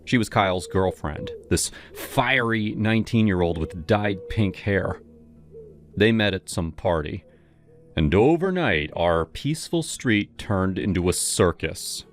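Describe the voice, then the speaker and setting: A man narrating a horror story in the first person, in a dramatic, expressive way. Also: deep voice, unhurried, soft background music.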